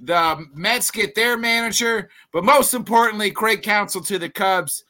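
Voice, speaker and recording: A man's voice: sits high, measured pace, bright, forceful tone. A man hosting a casual sports talk show with profane, combative banter.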